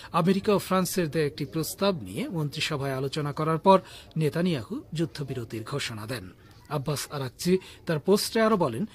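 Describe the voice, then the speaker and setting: A man reading the radio news in a measured, formal delivery. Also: a little high, slight background noise. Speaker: news reader.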